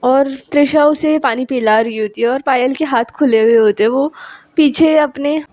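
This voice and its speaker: A woman's voice: sits high, moderate pace, a little mellow, no echo, highs cut off. A woman narrating a romantic story in a casual, conversational way, with fillers.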